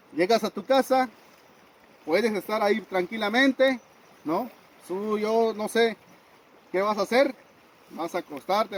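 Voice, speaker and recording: Storyteller: high husky male voice, folksy retelling of a village tale. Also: poor audio. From Mexico. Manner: folksy, repeats "dice" and "¿no?" often. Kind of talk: bilingual folktale telling.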